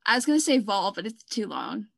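A woman's voice: medium pitch, very animated, fairly quick, vocal fry, no room sound. A woman co-hosting a podcast, chatting casually about songs, chatty and playful with frequent laughs. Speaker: podcast co-host. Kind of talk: casual chat reviewing songs. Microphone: own microphone while recording.

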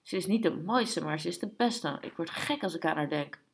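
A woman reading aloud, voicing a boastful, restless middle-aged man who swings between loud bragging and whispers. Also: on the low side, expressive, normal speed, creaky. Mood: musing.

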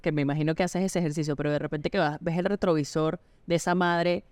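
A woman's voice: low voice, steady tone, quick pace, darkish tone, no echo. A woman hosting a podcast, asking long, reflective questions in casual conversation. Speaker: podcast host. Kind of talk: casual interview.

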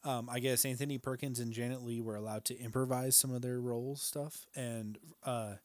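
A man's voice: medium pitch, fairly even intonation, moderate pace, a little mellow, no room sound. A man co-hosting a podcast in casual film chat, laid-back, swearing freely, calling his co-host "dude" and laughing often. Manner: laughs often between remarks.

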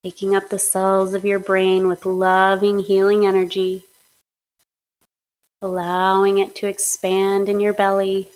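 A woman leading a guided hypnosis meditation in a slow, soothing, steady way. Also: medium pitch, poor audio. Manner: slow, soothing, monotone guidance.

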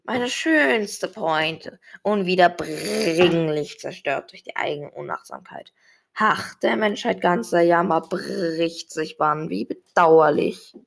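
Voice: medium pitch, animated, gravelly. Zorak, a reader voicing a theatrical gloating schemer. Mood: lamenting. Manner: drawn-out, operetta-like dramatics. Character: theatrical scheming male time-meddler, mournful and gloating. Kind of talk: storybook reading.

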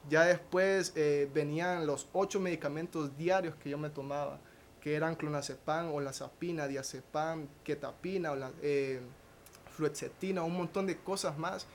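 A young man, a podcast guest telling a personal testimony in a halting way, with restarts and a questioning tag at the end of phrases. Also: on the high side, fairly even intonation, slight background noise.

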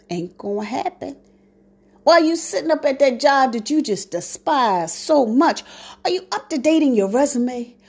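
A woman talking straight to her viewers in a blunt, sassy rant full of slang. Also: high voice. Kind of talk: casual monologue to viewers.

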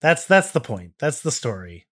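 A podcast co-host rambling along in casual chat, a man who keeps interrupting himself with quick jokes. His pitch sits in a middle range. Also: sing-song, a bit bright, husky. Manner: rambling, self-interrupting, jokey.

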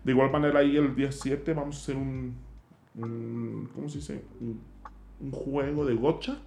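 A man's voice: medium pitch, fairly even intonation, normal speed, creaky, a little mellow, reverberant, slight background noise. A man with a Mexican accent, a guest telling stories in a casual chat, slangy and loose, dropping "güey" constantly. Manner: slangy, peppers speech with "güey". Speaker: guest, zombie walk organizer.

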